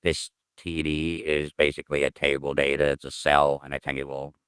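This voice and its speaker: A man with an extremely deep, smooth and resonant voice talks himself through a coding session in a casual way. He mutters, hums and trails off as he thinks aloud. The recording is dry and close, with no room echo. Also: little pitch movement, moderate pace, a bit bright. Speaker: programmer streaming his coding work.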